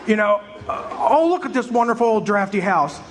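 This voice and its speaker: Performing in a live community radio play, an actor voices George Bailey as an overjoyed, breathless husband and father. His voice sits high and moves at a moderate pace, full of excited, breathless joy.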